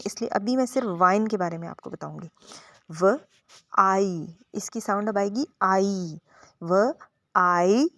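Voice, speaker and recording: A woman's voice: medium pitch, no echo. A woman teaching a home-schooling phonics lesson, explaining patiently and drawing out each letter sound.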